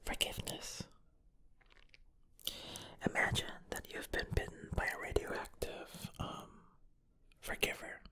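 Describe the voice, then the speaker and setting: A whispered ASMR pep talk of affirmations, delivered with playful, tongue-in-cheek encouragement in a breathy voice. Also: slow pace, pauses often. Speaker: ASMR host.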